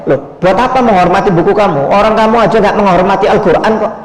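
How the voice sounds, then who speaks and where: A man's voice: high-pitched, fast, close to an everyday voice. A man voicing a defiant male student who reproachfully rebukes his lecturer with indignant questions. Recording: echoey hall.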